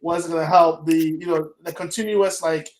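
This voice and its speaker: A man from Ghana with a high voice tells stories in a relaxed podcast chat. His voice bounces around a reverberant room. He talks with animated energy. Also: normal speed. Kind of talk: casual conversation.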